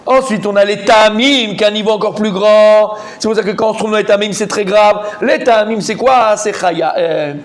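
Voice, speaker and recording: Rabbin animé, voix aiguë. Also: male voice, normal speed, few pauses. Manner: animated, quizzes the students, repeats words, rising pitch when excited. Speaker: rabbi teaching a Talmud class. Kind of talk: lively Torah class.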